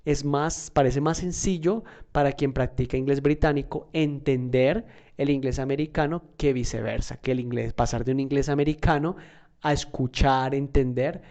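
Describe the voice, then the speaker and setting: Mellow-voiced man teaching a lesson. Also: mid-range voice, fairly even intonation, moderate pace. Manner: conversational, repeats himself, many fillers; asks the listener questions. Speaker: English teacher. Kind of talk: online lesson.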